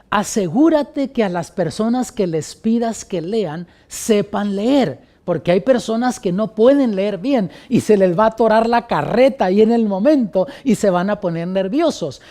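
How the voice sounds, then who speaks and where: Pastor guy teaching how to run bible studies, warm low voice, shifts loud and soft. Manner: instructive, varies loudness and pauses. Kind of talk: training lesson on leading Bible studies.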